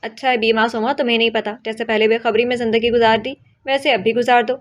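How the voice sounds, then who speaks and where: A woman voicing a playful, teasing newlywed young woman, slightly high. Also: level tone, close to an everyday voice. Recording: dull lo-fi audio.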